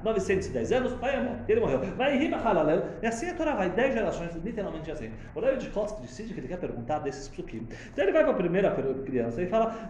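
Animated man teaching Torah in an echoey room. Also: sits high, a little hiss or hum. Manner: animated, chants Hebrew verses then translates. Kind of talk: storytelling Torah lesson.

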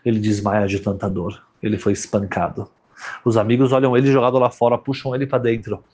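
A man telling a dramatic story as a rabbi, swinging between loud cries and hushed tones. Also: lowish voice, little pitch movement, fairly quick, husky.

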